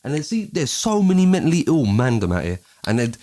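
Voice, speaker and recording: A man's voice: mid-range voice, very animated, fairly quick, warm tone. A man with an urban London roadman accent and slang, chatting casually and giving emphatic opinions as a podcast host. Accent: London, urban street.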